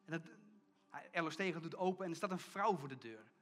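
Middle-aged male pastor, slightly high voice, storytelling sermon with hushed emphasis. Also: lively intonation, fast. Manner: storytelling preacher, acts out quoted voices, drops to hushed emphasis.

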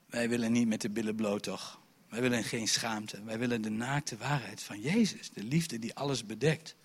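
A man preaching an Easter sermon, swinging between loud bursts and hushed asides, acting out quoted dialogue in character voices. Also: medium pitch, normal speed, slightly rough. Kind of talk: lively Easter sermon with personal story.

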